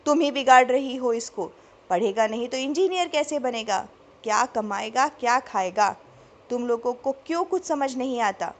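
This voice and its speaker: A woman voicing a strict, angry middle-aged father who shouts and scolds. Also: a little high, expressive, moderate pace, natural voice.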